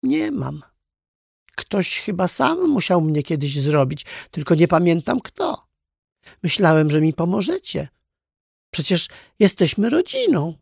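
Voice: mid-range voice, big pitch swings, slow pace, vocal fry, darkish tone, slightly rough, no echo, studio quality, voice pushed up, exaggerated voice. A reader doing an eager little jester toy. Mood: earnest. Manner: earnest and eager. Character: cheerful little jester toy, lonely and hopeful. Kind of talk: storybook reading.

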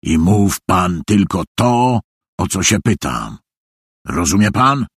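A man voicing a cruel, pompous middle-aged police official who talks in a gruff, domineering way. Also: low-pitched, sing-song, slow, dry recording, heavily acted. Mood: stern.

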